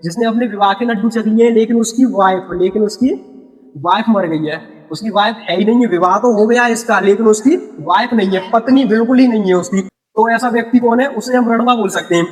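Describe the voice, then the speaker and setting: A man's voice: sits high, a little fast, big-room sound, soft background music. A young man teaching a grammar lesson, who repeats key words and asks the viewer questions before giving the answers.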